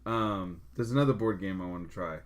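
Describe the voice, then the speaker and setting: A man's voice: low-pitched, a little fast. A man co-hosting a podcast in casual chat, rambling with fillers and laughing often. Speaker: podcast co-host.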